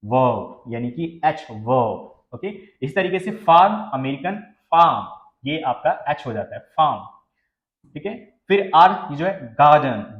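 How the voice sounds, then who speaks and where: Man teaching with a higher voice in an echoey room. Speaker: English teacher. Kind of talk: classroom-style lesson. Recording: echoey, muffled room recording.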